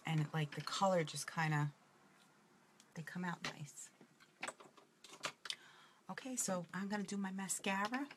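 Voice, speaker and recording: A chatty woman with a New York accent and a low voice talks through a casual makeup tutorial. She rambles and drifts off topic, and a faint hiss sits under her voice. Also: measured pace, long pauses. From Brooklyn, New York.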